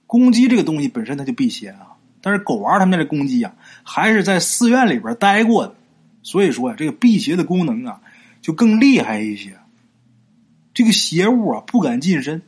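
Pitched high with big swings and a slightly rough texture, a man tells an episode of a ghost serial conversationally. Drawn-out particles like 啊 and 呀 close many of his phrases, and he regularly raises questions and then answers them himself.

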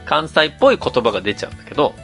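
A man from Mie co-hosting a podcast in casual chat, animated and laughing as he complains. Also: mid-range voice, very fast, creaky, soft background music. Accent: Kansai-leaning Mie dialect. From Mie, Japan. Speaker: podcast co-host.

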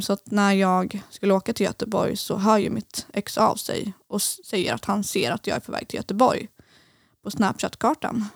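Young woman podcast guest, gravelly voice, dry close sound, halting and full of fillers. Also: medium pitch, dry recording. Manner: hesitant, many fillers, speeds up and slows down. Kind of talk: personal story in casual conversation.

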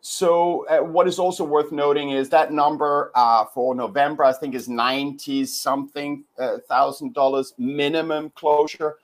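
A man's voice: on the high side, steady tone, normal speed, hardly any pauses. Man talking casually with many fillers. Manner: hesitant, many fillers and restarts. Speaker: guest commentator. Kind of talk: casual panel discussion.

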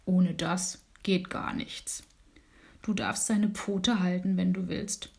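A woman voicing a big, gentle male bear in a bedtime storybook, slow and rumbling. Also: steady tone, creaky. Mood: confiding.

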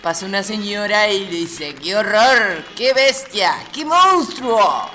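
A man voicing a bawdy woman comic who tells crude jokes with loud punchlines. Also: high voice, expressive, slow pace, exaggerated voice. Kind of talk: comedy sketch. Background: music.

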